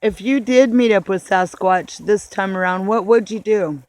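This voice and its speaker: A man interviewing someone in a mock documentary, asking questions in a deadpan way. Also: sits high, normal speed, no room sound.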